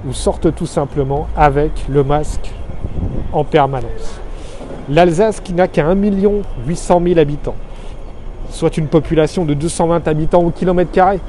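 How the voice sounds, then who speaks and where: A man's voice: fairly high pitch, dark tone. A man from Alsace in France speaks earnestly and steadily outdoors on a street corner, explaining things into a handheld phone. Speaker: expatriate vlogger. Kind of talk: informal video message. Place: street corner in a busy city neighborhood, outdoors. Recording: outdoor street recording with faint traffic. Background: faint city street and traffic noise.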